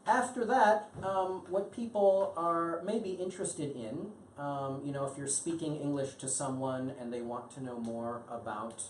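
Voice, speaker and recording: A low-pitched American woman leads an English class, encouraging her students with plenty of ums. She sounds a bit far from the mic, in an echoey room with a faint hum behind her. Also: unhurried, few pauses, darkish tone. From United States. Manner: encouraging, lots of um and mm-hmm. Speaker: English teacher hosting a live lesson. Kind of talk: interactive language lesson.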